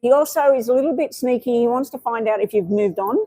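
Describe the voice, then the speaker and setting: Higher-voiced woman doing a live tarot stream, rambly, lots of ums, dry close sound. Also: fast, warm tone, no echo, soft background music, rough recording. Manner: chatty, meandering, with many fillers. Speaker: tarot reader.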